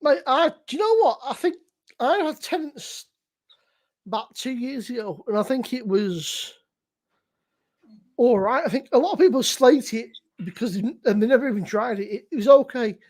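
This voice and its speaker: A man's voice: extremely high pitch, animated, normal speed, a little mellow. A man, a regular on a beer review channel, who stumbles into his points and then swears bluntly. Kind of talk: casual chat.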